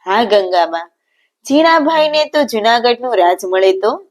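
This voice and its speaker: A woman voicing a calm, kindly male holy master in a narrated devotional story, read in a gentle, grave way. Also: fairly high pitch, unhurried.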